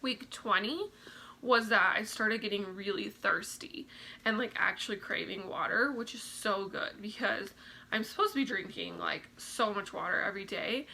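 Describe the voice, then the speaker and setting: A woman's voice: mid-range voice, normal speed, vocal fry, pushed and bright, slight background noise, low-quality recording. Chatty, slightly breathless young woman vlogger. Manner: chatty, full of fillers like "like" and "um". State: a little out of breath. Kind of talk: casual pregnancy update vlog.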